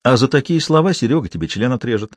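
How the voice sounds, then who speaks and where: A man's voice: medium pitch, expressive, fast, dry recording, clean studio sound, natural voice. A man voicing a cocky, mercenary young woman who talks in a mocking, blunt way.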